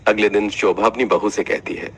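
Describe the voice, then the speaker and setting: A man narrating an animated family story in steady scripted storytelling. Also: lowish voice, moderate pace.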